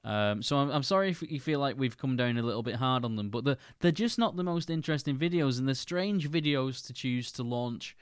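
A man's voice: mid-range voice, lively intonation, fairly quick, hardly any pauses, clear, resonant tone, no echo, clean studio sound. A man co-hosting a podcast in casual chat, hesitant, with many fillers and restarts. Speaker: podcast co-host.

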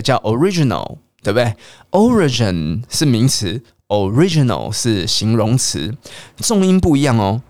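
A man teaching English pronunciation on a radio lesson, spelling out letters and repeating each word slowly for listeners to say aloud. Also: medium pitch, darkish tone, dry recording. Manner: drills words slowly and repeats them.

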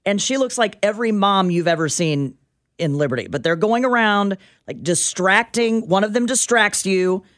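A middle-aged woman co-hosting a radio show, chatting and telling stories. Her voice swoops all over as she gets excited and jumps up into high squeals. It sounds like casual talk-radio banter. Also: moderate pace.

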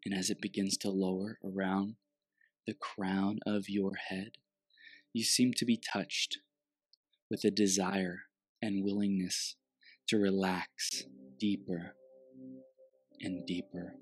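A man leading a guided meditation with a soothing delivery and long pauses, speaking softly as if right in your ear. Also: sits low, level tone, slightly rough, no room sound.

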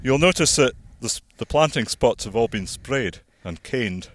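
Farmer explaining while walking outdoors. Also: male voice, medium pitch, lively intonation, fairly bright tone. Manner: measured, explanatory, practical. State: slightly out of breath. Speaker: farmer and landowner. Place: outdoors on a hillside plantation.

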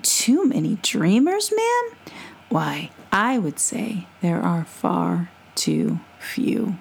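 A woman voicing a gentle wandering male storyteller who speaks politely and whimsically, with small hesitations. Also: medium pitch, big pitch swings, very slow, gravelly, husky, full character voice.

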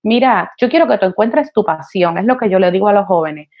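Woman, podcast guest counselor, passionate and chatty, mid pitch, slightly muffled audio. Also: brisk. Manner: passionate, animated, frequent fillers. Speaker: guest, college admissions counselor. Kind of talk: conversational podcast interview.

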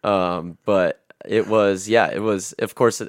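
A man with a low voice and an American accent tells coaching stories in a relaxed way, full of "uh" and "you know." The recording is dry, with no room sound. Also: slow pace, no room sound. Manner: easygoing, filler-heavy storytelling. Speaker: youth football coach. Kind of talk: casual podcast conversation.

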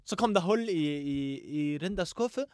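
A young man co-hosting a casual podcast, telling lively stories in slangy talk. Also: a little high, no room sound, studio quality. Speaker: podcast co-host. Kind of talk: casual chat.

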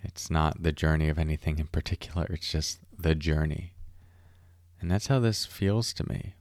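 A man hosting a mindfulness podcast, speaking close and intimately into the ear, calmly guiding reflection and reading poetry in a measured, unhurried way with deliberate pauses. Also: very deep voice, no echo. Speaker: podcast host and mindfulness teacher. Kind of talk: calm guided reflection and poem reading. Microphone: close mic in a dry space.

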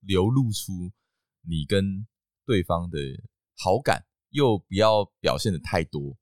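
Deep-voiced man co-hosting a chat. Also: animated, takes it slowly, a little mellow, dry recording, studio quality. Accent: Taiwanese Mandarin. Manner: teasing, laughs easily, steers the segments. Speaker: podcast co-host. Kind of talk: casual chat.

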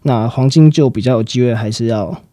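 A man explaining market outlooks in a fast, explanatory way, with frequent fillers and sentence-final particles. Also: mid-range voice, warm tone, dry recording, studio quality. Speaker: market analyst guest. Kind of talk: financial commentary chat.

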